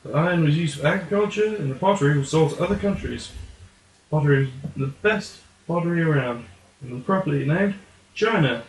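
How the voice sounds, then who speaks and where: A man's voice: fairly high pitch, animated, a little fast, a little hiss or hum. A man reading scripted educational narration for a comic puppet show. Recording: echoey room.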